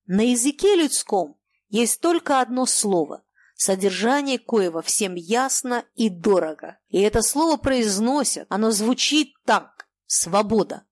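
A bitter, defiant young man who writes satire for a living, declaiming his creed with rising passion, as a woman reader puts him on. His voice rides a little high and ringing. It is recorded close and dry, with no room sound. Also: lively intonation, a little slow, dry recording. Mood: impassioned. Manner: impassioned declamation. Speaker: feuilletonist. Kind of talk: audiobook reading.

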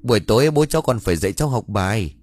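A man's voice: fairly low pitch, lively intonation, racing, darkish tone, slightly rough. A man voicing a small, scared and innocent boy in an audio ghost story, speaking in a plaintive, childlike way. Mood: frightened.

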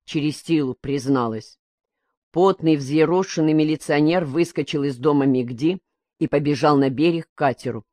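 A woman narrating a novel in an even, unhurried reading voice. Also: sits low, dry recording. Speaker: audiobook narrator. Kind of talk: scripted narration.

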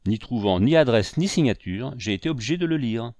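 A man's voice: mid-range voice, animated, fairly quick, darkish tone, no echo, close to an everyday voice. A man voicing a tense young schoolmaster in an audiobook, polite and guarded. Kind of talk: audiobook character voice.

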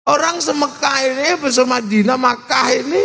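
A preacher shouting as a fierce, alarmed old-time warrior man. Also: very high-pitched, normal speed, voice pushed up, exaggerated voice. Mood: incredulous. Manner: shouted, incredulous questioning. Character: fierce, agitated male companion, stern and alarmed. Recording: long hall reverb.

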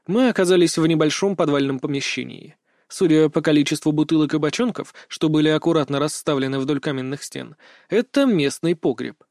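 A man narrating a first-person fantasy audiobook in an expressive storytelling manner. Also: fairly high pitch, brisk, no room sound, clean studio sound.

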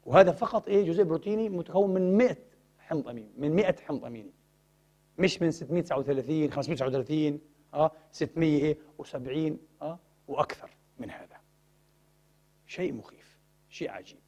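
A man's voice: a little high, rapid-fire, darkish tone. A man giving a religious science lecture, asking rhetorical questions and prompting the audience to fill in words.

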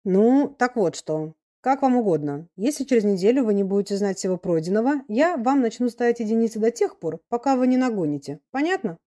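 A woman's voice: fairly high pitch, fast, hardly any pauses, dark tone, voice pushed up, close to an everyday voice. A woman doing an irritable scolding teacher. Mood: stern. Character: irritable, tired male geography teacher.

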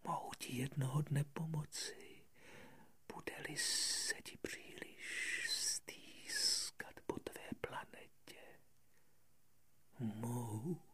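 A man voicing a sly male snake in an audiobook, speaking in a hushed, secretive whisper. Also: mid-range voice, breathy edge, voice pushed up. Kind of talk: audiobook reading.

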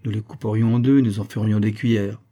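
A man's voice: lowish voice, fairly even intonation, quick pace, mellow, lightly acted. A man voicing a studious young boy who reasons earnestly, in a storybook reading. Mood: eager.

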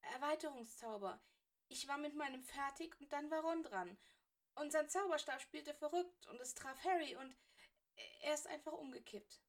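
A woman reader puts on a desperate young schoolgirl who stays on the edge of tears, pleading in a high, strained voice that climbs far above the narration. The words tumble out in a stammer, urgent and insistent, as in a storybook read aloud. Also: moderate pace, lightly acted. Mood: tearful explaining. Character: tearful anxious schoolgirl, a young girl, persistent. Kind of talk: fan fiction audiobook reading.

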